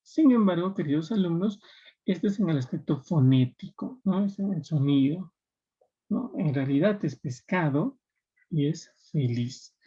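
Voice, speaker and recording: A man with a Peruvian Spanish accent lectures his students in a husky, mellow voice, explaining step by step. He keeps checking that they follow him, and the recording is dull and lo-fi. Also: on the high side, lively intonation, measured pace. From Peru. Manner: explanatory, checking in with tag questions. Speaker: teacher. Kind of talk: classroom lecture.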